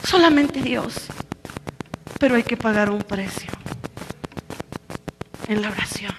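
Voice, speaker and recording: A woman pastor preaching a fervent sermon, moving between hushed, intimate passages and loud shouted exhortations. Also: on the high side, takes it slowly, low-quality recording.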